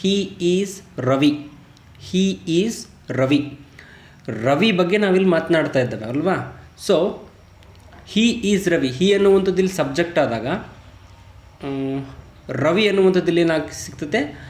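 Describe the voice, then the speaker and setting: A man teaching grammar, reading his English example sentences slowly and deliberately. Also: fairly high pitch, lively intonation, reverberant. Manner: slow, deliberate English example sentences between quick Kannada explanations. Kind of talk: explaining grammar in a lesson.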